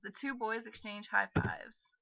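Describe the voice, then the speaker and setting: A woman's voice: medium pitch, steady tone, a little slow, vocal fry, pushed and bright, lo-fi sound. A young adult woman hosting a let's play, chatting casually and reading game text aloud. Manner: chatty, self-commenting on her character voices. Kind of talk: casual game commentary and read-aloud narration.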